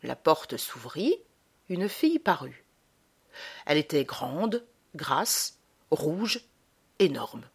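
A woman narrating a short story as an audiobook reader, with an expressive, dramatic reading. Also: sits low, takes it slowly, long pauses, slightly rough.

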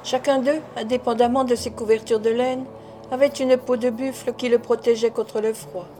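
Mellow-voiced woman reading an audiobook. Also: a little high, faint music behind. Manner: steady, measured reading. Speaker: narrator. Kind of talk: audiobook reading of a classic novel.

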